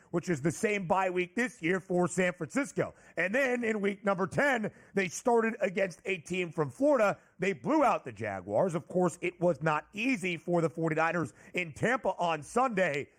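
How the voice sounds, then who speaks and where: A high-voiced man hosts a sports betting talk, briskly reeling off odds and team records. He steers the chat and puts questions to his co-host. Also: expressive, a bit bright. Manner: brisk, numbers-heavy analysis, leading the questions.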